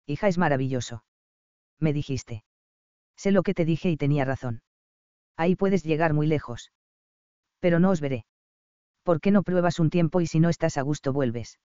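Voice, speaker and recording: Man as a meddling middle-aged mum, teasing and chatty, crisp voice. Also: on the high side, moderate pace, long pauses, mellow, no room sound, highs cut off, lightly acted. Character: cheerful, meddling middle-aged mother on a ranch.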